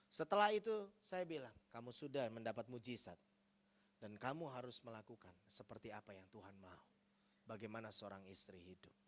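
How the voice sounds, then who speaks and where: A male pastor preaching a sermon, telling stories and acting out dialogue, swinging from hushed to loud. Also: medium pitch, animated, normal speed.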